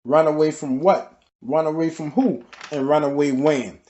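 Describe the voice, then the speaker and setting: A man's voice: on the high side, fairly even intonation, normal speed, dark tone. A man gives casual, opinionated history commentary, arguing in colloquial language with rhetorical questions. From southeastern United States. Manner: argumentative, colloquial, with rhetorical questions and repeated "all right?". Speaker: presenter.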